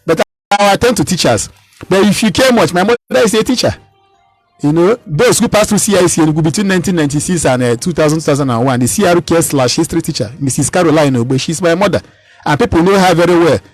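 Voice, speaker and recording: In this radio interview, a Nigerian man in his thirties running for office talks fast and emphatically, circling back over his own words. The close, dry radio-mic recording of his high, slightly husky voice has no echo but faint music behind it and poor overall quality.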